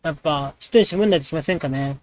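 Guy doing a let's play of a dating game, fast casual jokey commentary. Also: a little high, slight background noise. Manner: quick, joking reactions to the game.

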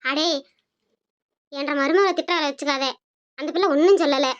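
A gruff older father-in-law, voiced by an artist, scolds and shields his daughter-in-law. The voice is pushed lower but still sits high. The audio is dull and lo-fi. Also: normal speed, natural voice. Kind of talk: Tamil cartoon dubbing.

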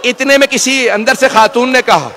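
A male cleric delivering a mourning sermon, impassioned and rising to wailing shouts as he addresses the gathering directly. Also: very high-pitched, moderate pace, a little hiss or hum.

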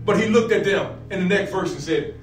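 A man's voice: high voice, a little fast. A middle-aged man, a pastor, teaching a Bible lesson, repeating phrases and building to emphatic peaks. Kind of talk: sermon-style Bible lesson. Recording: roomy, distant echo with faint music.

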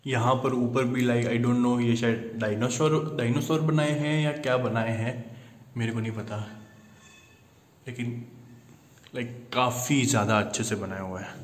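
A man's voice: mid-range voice, steady tone, normal speed. A man vlogging as he walks through a man-made underground temple cave, often exclaiming and mixing English into his Hindi, recorded on a handheld phone. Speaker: travel vlogger. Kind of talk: walking tour vlog narration.

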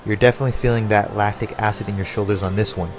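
Male fitness coach, lowish pitch, instructional and motivational, calling punches and intervals, light music underneath. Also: fairly even intonation, racing. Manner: motivational, short commands. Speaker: boxing workout coach. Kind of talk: instructional workout coaching with called-out combinations and timing cues.

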